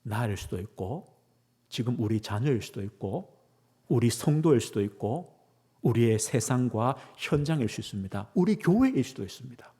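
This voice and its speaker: A male pastor preaching a sermon in a church with passion, moving between loud pleading prayer and hushed whispers. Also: mid-range voice, expressive, normal speed, breathy edge, big-room sound. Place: church sanctuary.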